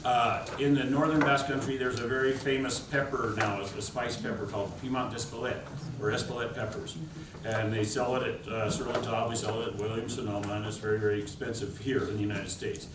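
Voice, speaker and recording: A man's mid-pitched voice comes from a distance in a noisy room. He is a chef talking through an informal cooking demonstration. His explanations ramble and halt in a folksy way. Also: level tone, fairly quick, reverberant.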